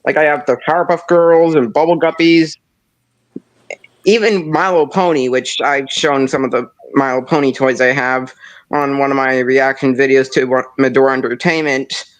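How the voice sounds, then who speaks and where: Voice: medium pitch, steady tone, normal speed. A streamer chatting casually on a live stream, rambling with many restarts.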